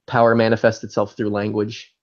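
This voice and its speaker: A young man from Chile, a guest on a podcast. He talks in a relaxed, chatty way and leans on "like" a lot. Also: lowish voice, a little fast. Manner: relaxed, chatty, uses "like" often. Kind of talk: casual remote podcast chat. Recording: dull lo-fi remote call audio.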